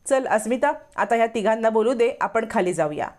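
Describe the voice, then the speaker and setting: A woman's voice: a little high, animated, a little fast, darkish tone, natural voice. Woman reading a fussy nosy household mother. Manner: inquisitive, soothing, chatty.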